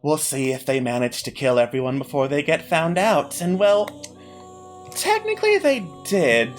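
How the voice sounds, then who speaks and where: A man's voice: on the high side, big pitch swings, normal speed. A man voicing a smug, bored villainess in a tabletop game, with a taunting, politely condescending manner. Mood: smug, amused. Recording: background music under the voice.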